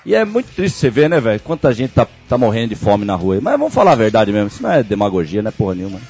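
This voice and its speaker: A man's voice: on the low side, wildly swooping pitch, very fast, a little mellow, slightly rough. A man co-hosting a casual sports podcast, rambling and joking as he talks. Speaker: podcast co-host.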